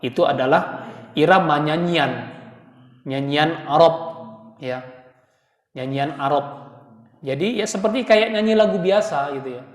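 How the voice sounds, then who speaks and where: A man's voice: a little high, unhurried, pauses often. A man with an Indonesian accent, a Quran teacher leading a class and sounding out letters. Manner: chants and demonstrates letter sounds. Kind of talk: teaching class, call and response. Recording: echoey hall, long reverb.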